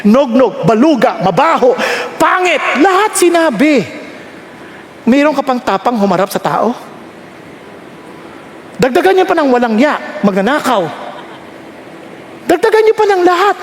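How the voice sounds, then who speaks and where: A man preaches with a high, very lively voice, leaping up and down as he acts out the voices he quotes. He sounds like a pastor in a church hall. The hall is echoey, with long reverb and faint ambience behind him. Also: a little hiss or hum. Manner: animated, acts out quoted voices with big swings. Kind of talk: sermon.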